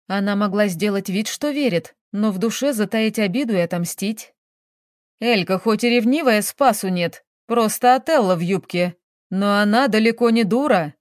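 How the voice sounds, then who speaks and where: Casting: a woman playing an agitated middle-aged businessman from an audiobook, blustering and whiny, slow, dry recording. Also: medium pitch, dry recording, lightly acted. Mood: defensive.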